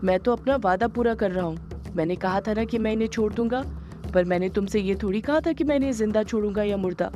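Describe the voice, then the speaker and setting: A woman's voice: medium pitch, quick pace, warm tone, faint music behind, natural voice. A woman voicing a menacing male villain who commands an army of the dead, speaking in a mock-sweet, taunting way.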